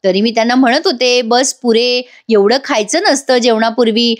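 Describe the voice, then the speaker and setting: A teasing, sharp-tongued young wife, put on by a woman narrator. She talks back with quick, sassy retorts. Her voice sits fairly high. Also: natural voice.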